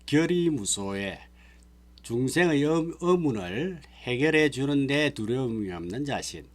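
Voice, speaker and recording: Man of middle pitch as a monk teaching a sutra class; patient, term-by-term explanation. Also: expressive, unhurried. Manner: explains terms one by one, checks with listeners. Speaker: Buddhist monk lecturer. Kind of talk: sutra lecture.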